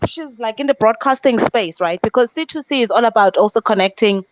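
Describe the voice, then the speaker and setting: Host, woman from southern Africa, encouraging, stammers when excited, dry lo-fi sound. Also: a little high, a little fast, no room sound. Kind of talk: casual conversation.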